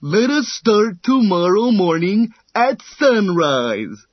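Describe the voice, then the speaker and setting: A wise old tortoise who speaks slowly and calmly, raised in pitch with a lively lilt, as a man narrating a storybook puts him on. The voice is a touch husky, and the recording is dry and slightly dull. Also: dry recording, exaggerated voice. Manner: slow, calm and deliberate. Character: slow, patient, wise male tortoise.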